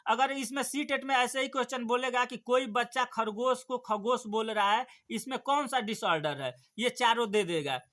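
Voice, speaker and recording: A man's voice: extremely high pitch, normal speed, hardly any pauses, a bit bright. A young man teaching an exam-prep lesson, asking the class questions and answering them himself. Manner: repetitive, rhetorical questions then answers.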